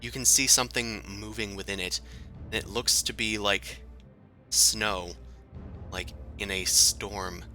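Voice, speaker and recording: A man narrating a tabletop game as game master, describing scenes slowly with lots of "uh" and "like". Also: fairly low pitch, fairly even intonation, sharp tone, soft background music.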